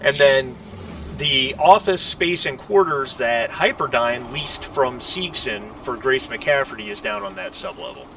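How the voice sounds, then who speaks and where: The noisy, far-off mic picks up a medium-pitched, animated man running a tabletop RPG as game master. On a group call online, he describes the setting casually and conversationally, pausing and stumbling as he goes.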